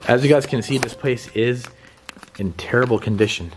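A man's voice: medium pitch, normal speed, roomy sound. A man in his thirties chatting casually to a handheld camera as host of an indoor exploration vlog. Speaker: vlogger and urban explorer host. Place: empty abandoned building indoors at night. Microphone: handheld camera at arm's length. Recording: noisy handheld camera audio.

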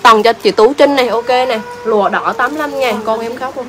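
A woman's voice: a little high, quick pace, a bit bright, slight background noise, rough recording. A woman selling clothes on a livestream, chatty and exclaiming, repeating prices over and over. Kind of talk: fast live-selling patter.

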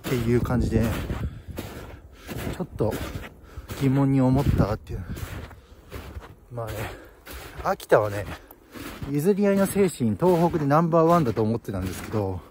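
A man's voice: medium pitch, expressive, normal speed, long pauses. A man in his twenties from northern Japan, musing casually and in slangy speech to the camera outdoors. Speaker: vlogger. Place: outdoors by a building in winter. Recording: outdoor ambient noise, phone microphone.

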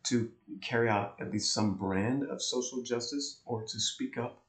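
A male astrology co-host explains charts in a casual, easygoing chat, laughing readily. His voice is mid-range and a little slow. The recording is from a warm indoor room with an echo.

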